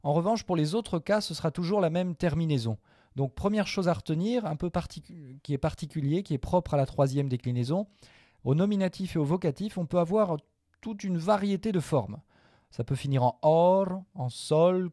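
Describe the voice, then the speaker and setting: A man teaching a Latin grammar lesson to viewers, patient and methodical, repeating each form slowly with small hesitations. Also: a little high, dark tone, dry recording, clean studio sound.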